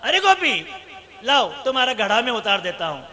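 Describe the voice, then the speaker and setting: A man's voice: extremely high pitch, very animated, normal speed, bright, forceful tone, heavily acted. A man voicing a mischievous little boy who bluntly refuses and then cheekily offers help. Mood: cheeky. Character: mischievous little boy Krishna, playful and stubborn.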